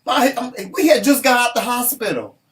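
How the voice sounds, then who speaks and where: A man's voice: very high-pitched, lively intonation, moderate pace, crowd noise. A man co-hosting a talk show, telling a personal story casually and emphatically, with frequent swearing. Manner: candid, emphatic storytelling with profanity. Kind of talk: casual chat.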